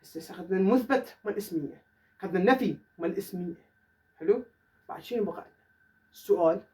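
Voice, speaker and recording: A man with an Iraqi Arabic accent teaching an English grammar lesson in a classroom, saying the English examples slowly and carefully. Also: high-pitched, a little mellow. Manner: says English example sentences slowly and deliberately. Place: classroom with a whiteboard. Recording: voice from far off the mic.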